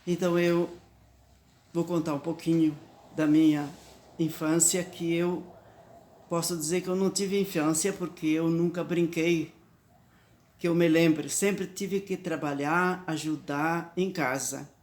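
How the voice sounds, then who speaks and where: A storyteller from southern Brazil in her eighties shares a personal memoir slowly and reflectively, often restarting words. Talian is her first language, and it colors her Italian-Brazilian Portuguese accent. Her voice is low-pitched and a little mellow, with fairly even intonation.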